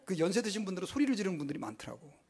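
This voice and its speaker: A man in his fifties, a pastor preaching a sermon with emphatic, animated delivery, rhetorical questions and acted-out quotes. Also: high voice, rapid-fire, breathy edge.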